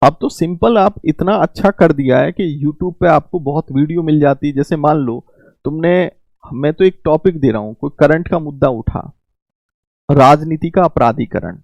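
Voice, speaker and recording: A man's voice: fairly high pitch, gravelly, a little mellow, no room sound. A man teaching an exam coaching class online, giving fatherly advice and calling his students "beta", repeating his points to drive them home. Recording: dull lo-fi mic.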